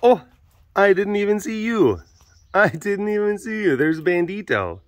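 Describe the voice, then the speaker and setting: Rambling chattily outdoors at the animal enclosures, an older adult keeper and vlogger at a big cat sanctuary coos baby talk to the animals. His voice sits high, very animated and a little slow, slightly hoarse and partly lost. He's off camera on a handheld camera mic, with no room sound.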